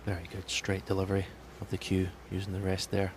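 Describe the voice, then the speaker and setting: A man giving quiet, measured, analytical snooker commentary on a broadcast. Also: low-pitched, completely flat delivery, background noise.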